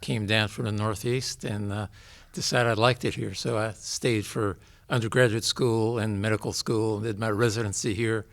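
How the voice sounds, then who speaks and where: An older man with a fairly low voice, a doctor from New York talking through the growth of his department. He speaks in an even, measured way, laying out facts in lists. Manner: measured, explanatory, listing facts. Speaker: pediatrician and professor, guest. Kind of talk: interview.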